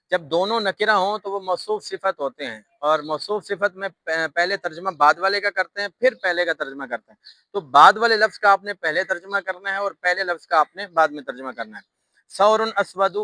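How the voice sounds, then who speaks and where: Bright-voiced Urdu-speaking Arabic teacher. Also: male voice, high voice, no room sound, rough recording. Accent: Pakistani Urdu. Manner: patient, repeats each rule step by step. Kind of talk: classroom lesson explaining grammar.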